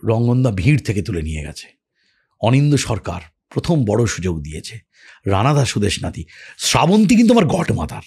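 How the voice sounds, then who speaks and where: Animated man telling stories. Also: fairly low pitch, brisk, creaky, husky. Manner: animated and reminiscing, acts out quoted lines. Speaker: actor as podcast guest. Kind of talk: casual storytelling interview.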